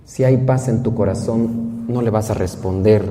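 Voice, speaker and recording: Priest preaching in an echoing church. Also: male voice, fairly low pitch, normal speed, a little hiss or hum. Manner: animated storytelling, rhetorical questions. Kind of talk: sermon.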